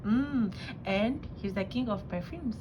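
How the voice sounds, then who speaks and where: A woman's voice: mid-range voice, slow, dull audio. A woman host introducing a guest in a playful, teasing way during a casual chat. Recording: clear background noise.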